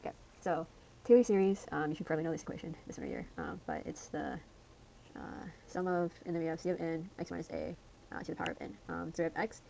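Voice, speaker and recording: A woman's voice: sits low, expressive, quick pace, vocal fry, warm tone, dull audio, a little hiss or hum. A young woman casually explaining a math lesson, rambling with lots of fillers and slang. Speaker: student tutor.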